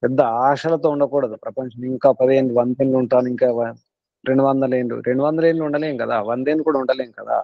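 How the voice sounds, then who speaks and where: Through constant repetition, an earnest Telugu guru leading a spiritual class presses his message. He talks fast in a mid-pitched voice with fairly even intonation, and the recording is dry and slightly muffled.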